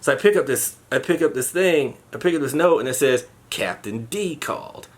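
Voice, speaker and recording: A man's voice: a little high, fast talker. A man, an Air Force veteran hosting his own show, telling stories in a casual, profane way and often restarting his sentences. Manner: profane, restarts and repeats words. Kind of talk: casual storytelling monologue.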